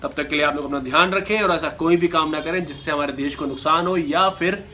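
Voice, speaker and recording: A man's voice: on the high side, quick pace, pushed and bright, slight background noise. A man hosting his channel's outro, chatty and upbeat, coaxing viewers to like and subscribe. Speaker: channel host and actor. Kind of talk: casual video outro.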